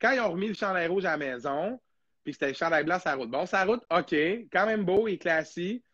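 Host type: young Québécois man, fairly high voice, rambling and chatty, dry dull lo-fi sound. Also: expressive, fast, fairly bright tone, dry recording. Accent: Québécois French. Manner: chatty, rambling, hesitant with many fillers. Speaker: podcast host. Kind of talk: casual live podcast chat.

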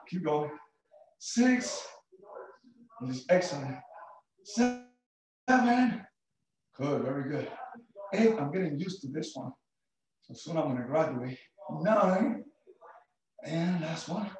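A man with a fairly high voice leads a live workout class, counting reps and cheering people on at an unhurried pace. He is sometimes out of breath. His voice comes from a distance and bounces around a very echoey room. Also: darkish tone. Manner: counts reps aloud with upbeat encouragement. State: out of breath at times. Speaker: fitness instructor.

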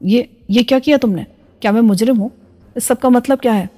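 A woman's voice: a little high, brisk, dark tone, big-room sound, faint music behind, natural voice. A woman voicing a frightened male scientist who pleads and falters under interrogation. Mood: pleading.

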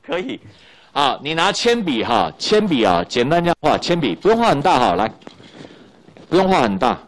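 Male physics teacher, Taiwanese Mandarin accent, middle-aged, animated up-and-down delivery, chatty, repeats himself. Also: fairly high pitch, moderate pace. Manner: chatty, repeats key points, tags lines with "ha" and "you know". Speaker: high school physics teacher. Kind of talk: recorded classroom lecture.

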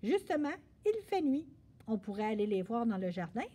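A woman voicing an eager, noisy little boy who shouts and pleads in a storybook reading. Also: sits high, a little slow. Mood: pleading. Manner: loud, excited, pleading.

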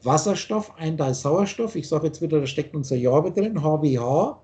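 An older man holds forth over a video call, his voice pitched high yet dark and mellow in tone. He lectures like a spiritual teacher, rambling and insistent, often breaking off and restarting his sentences. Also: expressive, moderate pace. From Austria.

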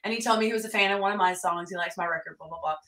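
A woman, a country singer and fiddler, telling stories as a guest in a lively interview, acting out quotes with loud bursts. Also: fairly low pitch, very fast, reverberant, recorded from a distance, poor audio. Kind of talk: storytelling interview chat.

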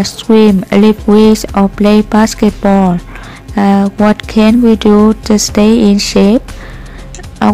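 A woman reading textbook passages aloud for listening practice, slow and careful, with frequent hesitant fillers. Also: mid-range voice, warm tone, low-quality recording. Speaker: reader of listening practice texts.

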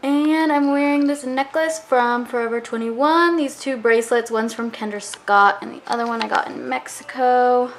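This young woman, also in her twenties, chats to her handheld camera in a cheerful vlog that moves between home, car and gym, peppering her speech with "like." Her pitch is slightly high and her intonation fairly flat, and she talks at a moderate clip with hardly a pause.

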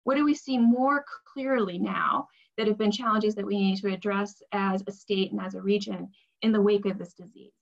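A woman's voice: mid-range voice, steady tone, normal speed, gravelly. A woman in her forties moderating a panel over a video call, upbeat and inviting. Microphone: laptop webcam mic. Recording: dull lo-fi video call audio.

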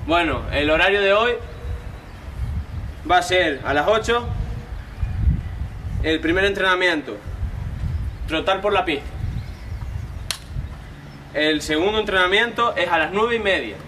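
A man as a high-voiced young drill sergeant. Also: measured pace, pauses often, pushed and bright, a little hiss or hum, poor audio. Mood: stern, instructing. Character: young drill sergeant, bossy but encouraging. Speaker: squad trainer. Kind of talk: acted short-film dialogue.

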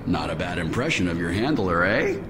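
An actor playing a vain, smug villain in a video game, monologuing with slow theatrical menace. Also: male voice, deep voice, sing-song, background noise. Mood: gloating, theatrical.

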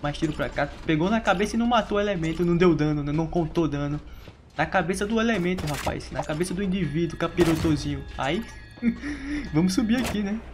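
A man's voice: sits high, expressive, quick pace, slight background noise. Playful Brazilian man narrating gameplay. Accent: Brazilian Portuguese. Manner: playful, laughing, teasing opponents. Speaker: gaming streamer. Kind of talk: casual live gameplay commentary.

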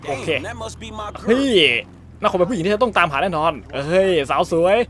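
A man with a high voice narrating his game play in a loose, joking way. He swears constantly and reads the characters' lines himself as he plays. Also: animated, moderate pace, crowd noise. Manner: crude, joking, heavy swearing; dubs game dialogue in his own voice. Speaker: gaming YouTuber. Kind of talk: let's-play commentary.

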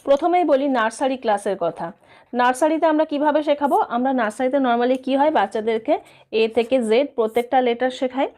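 A woman's voice: sits high, fast, warm tone. A woman teacher explaining in a casual video, asking and answering her own questions and sounding out letter sounds. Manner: sounds out letter sounds in a sing-song. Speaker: teacher giving tips.

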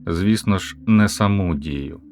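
Man, lowish voice, audiobook narration, measured rhetorical questions, faint music behind. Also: a little mellow. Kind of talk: scripted audiobook narration of a philosophical talk.

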